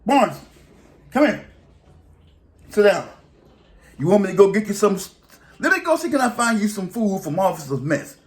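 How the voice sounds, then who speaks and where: A gruff prison kitchen boss barks out short blunt orders in a sharply raised voice, as a man puts him on while telling a story. He sounds pushy and impatient. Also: high-pitched, very animated, moderate pace, pauses often, pitched above the performer's own voice. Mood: coaxing.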